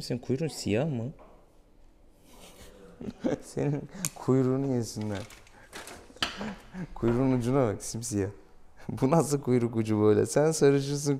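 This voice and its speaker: A veterinarian presents a clinic video from a small exam room, chatting casually and playfully with viewers while affectionately teasing an animal patient. His mid-range voice has a warm tone, and clear room noise is audible behind him.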